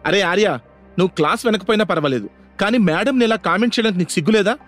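A man voicing a mocking young male college student who taunts his rival loudly. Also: a little high, fast talker, soft background music, lightly acted. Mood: taunting. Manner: taunting, loud.

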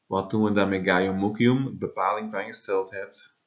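A man's voice: fairly low pitch, fairly even intonation, normal speed, lo-fi sound. A man, teaching a Latin translation lesson and explaining step by step with frequent tag questions. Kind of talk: classroom lesson.

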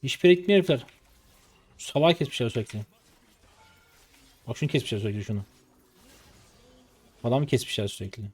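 A man's voice: mid-range voice, brisk, long pauses, a little mellow, breathy edge. A man in his twenties from Turkey, streaming his gameplay live and commenting in frustrated mutters and sudden outbursts. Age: 20s. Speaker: game streamer.

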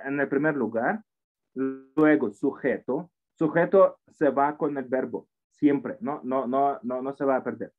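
Man teaching over a tinny line. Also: mid-range voice. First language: Russian. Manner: explanatory, frequent tag questions and restarts. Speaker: language teacher. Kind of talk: online English class taught in Spanish. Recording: tinny phone-like audio over a call.

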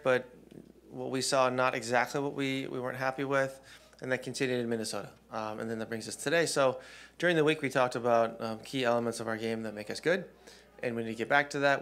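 A man in his forties at a postgame press conference speaks into a desk microphone in a press room. His voice sits at an ordinary middle pitch. He answers steadily and thoughtfully, pausing with frequent ums. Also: fairly bright tone. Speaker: head coach. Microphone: desk mic on stand.

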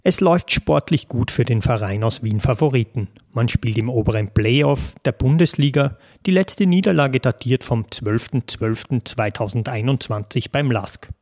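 A man narrates a podcast from a script. He reads in a clear, measured way at a middling pitch. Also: a little mellow. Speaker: podcast host.

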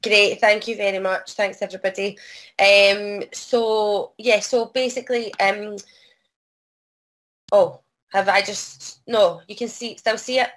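A Scottish woman with a croaky voice from a cold, presenting informally on a video call in a hesitant, apologetic way. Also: medium pitch, steady tone, a little slow, a bit bright. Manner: hesitant, apologetic, frequent self-interruption. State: has a cold. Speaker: presenter, arts organisation producer.

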